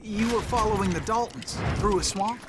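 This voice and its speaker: A man's voice: high-pitched, normal speed, close to an everyday voice. An actor playing an eager, attentive male listener in a western saloon, in video game dialogue. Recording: game audio with clear background noise.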